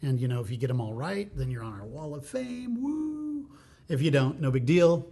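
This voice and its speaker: A man's voice: medium pitch, animated, fairly quick, vocal fry, mellow. An American man hosting a casual interview, chatty and joking as he encourages his guest. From United States. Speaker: host.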